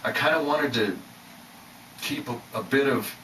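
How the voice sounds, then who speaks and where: A man's voice: medium pitch, a little slow, a bit bright, roomy sound, recorded from a distance, a little hiss or hum, low-quality recording. A man hosting his own channel, talking in a rambling, self-doubting way with many restarts. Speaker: channel host. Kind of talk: rambling casual monologue.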